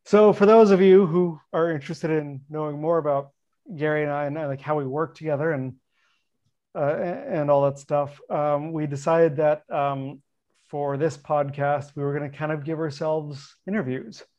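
Higher-voiced middle-aged man, natural unscripted talk. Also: fairly even intonation, normal speed, mellow. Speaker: podcast host interviewing a friend. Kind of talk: casual unscripted chat. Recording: dull lo-fi sound.

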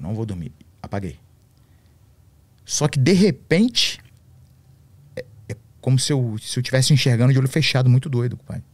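A man's voice: mid-range voice, darkish tone, dry recording. A Brazilian man telling a personal story in slangy, profane casual talk. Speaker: podcast guest.

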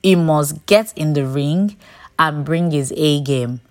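A woman hosting a short devotional message, speaking in a deliberate, emphatic preaching manner. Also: sits low. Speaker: devotional host.

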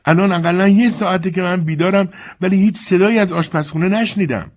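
A man's voice: sits high, fairly even intonation, voice pushed up. A man voicing a fretful, complaining older lady of the house in an audiobook. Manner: querulous. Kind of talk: audiobook character voice.

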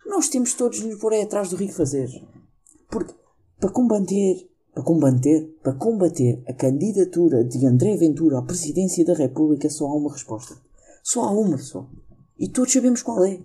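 Male comic, European Portuguese accent, husky low-toned voice, rambling self-mocking home monologue. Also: animated, brisk, dark tone. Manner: rambling and self-mocking, joking at his own jokes. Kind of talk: casual comedic monologue. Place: at home during lockdown.

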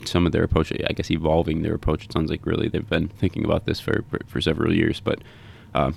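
A man hosting a podcast interview, talking in a halting way and often repeating words. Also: extremely low pitch, monotone, vocal fry, breathy edge. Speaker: podcast host.

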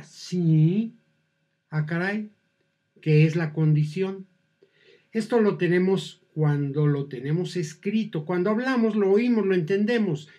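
A man with a Mexican accent explaining a language topic to his audience in an unhurried, conversational way, acting out example tones. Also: on the high side, a little mellow. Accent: Mexican Spanish. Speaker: teacher. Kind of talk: explaining to viewers.

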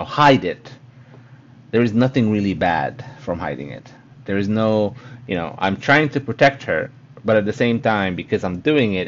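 Low-voiced man, dull lo-fi sound. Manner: halting, searching for words, repeats himself. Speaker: podcast host. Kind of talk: casual reflective monologue.

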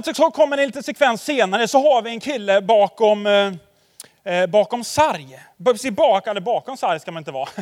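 Male preacher, high-pitched, talks to the congregation like a friend, church-hall echo. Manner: chatty, with constant tag questions to the congregation; anecdotal storytelling, addressing the audience directly. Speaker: pastor. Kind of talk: conversational sermon.

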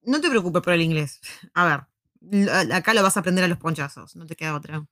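An Argentine woman with an Argentine Spanish accent, co-hosting a live casual chat at home at a desk mic, measured and plain-spoken. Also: on the low side, expressive, fairly bright tone, dry recording, clean studio sound. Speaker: co-host. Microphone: desk microphone.

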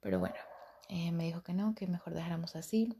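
This is a young woman sharing an emotional story, speaking frankly and circling back over the same words. Her voice sits low and mellow, with a gravelly fry, and an occasional curse slips out. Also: very animated, quick pace, slight background noise. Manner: emotional, repetitive, blunt with occasional swearing. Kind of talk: candid personal storytime.

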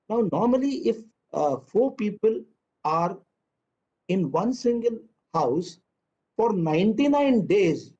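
A man's voice: sits high, mellow. A man in his fifties with an Indian English accent, a children's author giving a chatty, humorous storytelling talk. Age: 50s. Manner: chatty, humorous, mixes in Hindi. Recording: dull lo-fi recording.

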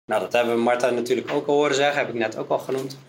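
A man's voice: medium pitch, steady tone, rapid-fire, a little hiss or hum. A man with a Dutch accent preaching a sermon, reading Bible verses aloud and explaining them one by one. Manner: reads scripture aloud, then explains it verse by verse.

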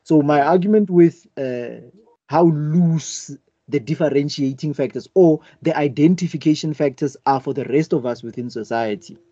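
Guy, husky mellow voice, keeps stalling and restarting while he argues, kinda dull lo-fi sound. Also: fairly high pitch, normal speed, dry recording. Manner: hesitant, searching for words, argumentative. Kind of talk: casual debate.

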